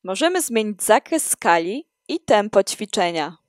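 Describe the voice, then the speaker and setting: A woman reading a scripted walkthrough of an app in a steady, explanatory way. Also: medium pitch, measured pace, no echo, studio quality. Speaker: student presenting an app.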